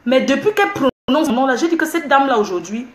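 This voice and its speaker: A woman's voice: high-pitched, animated, fast talker. A woman, ranting defiantly on a livestream from home, repeating herself indignantly. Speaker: social media livestreamer. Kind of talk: heated livestream rant. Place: at home, indoors. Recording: echoey room.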